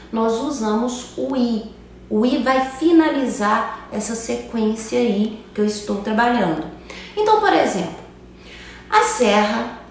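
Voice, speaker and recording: A woman's voice: fairly high pitch, recorded from a distance, a little hiss or hum. Chatty woman teacher in an echoey room. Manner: chatty, asks "tá?" after almost every phrase. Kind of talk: online grammar lesson. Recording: echoey room, voice a bit off-mic.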